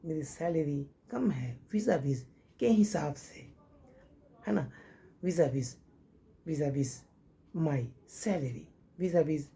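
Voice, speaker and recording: A man teaching spoken English in Hindi, repeating example phrases slowly and spelling words out letter by letter. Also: fairly high pitch, creaky, warm tone.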